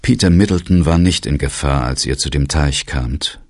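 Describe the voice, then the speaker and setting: A man reading an audiobook novel as narrator in a measured, even storytelling manner. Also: extremely low pitch, no room sound, clean studio sound. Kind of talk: scripted narration.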